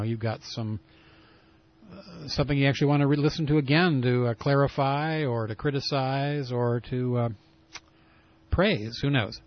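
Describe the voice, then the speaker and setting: A man hosting a pirate radio broadcast in casual, rambling talk full of fillers, with a lo-fi broadcast sound. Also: medium pitch. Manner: rambling, loose delivery with many fillers. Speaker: radio show host.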